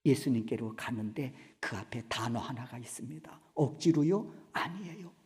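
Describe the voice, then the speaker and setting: A man preaching a Sunday sermon as pastor in a church sanctuary. He swings between loud cries and hushed whispers and asks the congregation questions. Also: a little high. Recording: reverberant church hall.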